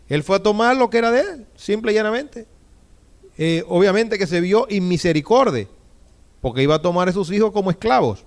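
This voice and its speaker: A man with a notably high-pitched voice delivers a sermon from the pulpit. He retells the story with drama and keeps turning to the listeners with rhetorical questions. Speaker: pastor.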